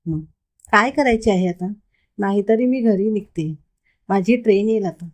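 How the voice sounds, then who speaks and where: A woman's voice: mid-range voice, moderate pace, darkish tone, lightly acted. A woman doing a sulky young woman friend. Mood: irritated.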